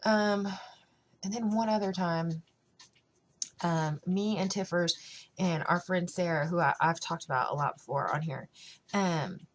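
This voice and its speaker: A woman's voice: fairly low pitch, a little slow, pauses often, slight background noise, low-quality recording. A woman vlogging in casual chat to camera, rambling with lots of fillers.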